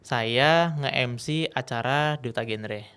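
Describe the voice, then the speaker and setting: A man's voice: medium pitch, slow pace, clear, resonant tone. A man, a guest speaker and MC, telling stories in a casual podcast chat and acting out the scenes. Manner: lively storyteller, acts out scenes.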